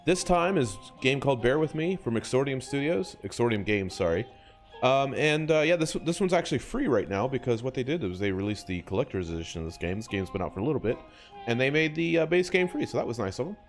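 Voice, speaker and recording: A man's voice: mid-range voice, lively intonation, fast, soft background music. Casual man doing offhand game commentary. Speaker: gaming video host. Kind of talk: casual let's-play commentary.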